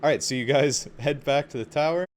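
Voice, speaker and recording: A man narrating a tabletop game casually as game master, halting as he searches for words. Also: mid-range voice. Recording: clear background noise.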